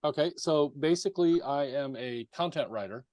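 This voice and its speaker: A man's voice: fairly high pitch, normal speed, darkish tone, no echo. A man guesting on an interview podcast, talking about his writing work in an easygoing, joking way with fillers. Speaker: guest, content writer. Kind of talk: casual interview chat.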